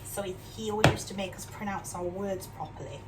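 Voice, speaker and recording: Her mid-range voice is brisk, and her accent a mixed northern English one; she's an older woman from Yorkshire, England. While cooking at home for her vlog, she chats casually, pokes fun at herself and often tacks questions onto her sentences, heard through a distant mic with clear background noise.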